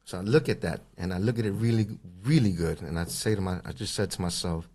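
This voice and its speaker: A man in his forties, born in Ecuador and raised in Queens, telling his story as a guest artist in a casual interview, with a halting manner and frequent restarts. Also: sits low, a little mellow, husky. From Ecuador, raised in Queens, New York. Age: 40s. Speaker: guest, airbrush and tattoo artist.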